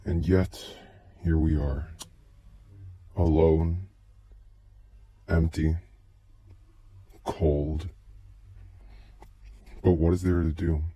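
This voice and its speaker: A man's voice run through a voice changer that drops it extremely deep, leaving it dark and muffled. He speaks in a slow, halting, brooding way and barely moves in pitch, like someone confessing onto a tape. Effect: deep pitch-shifting voice changer. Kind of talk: first-person scripted narration of a recorded tape.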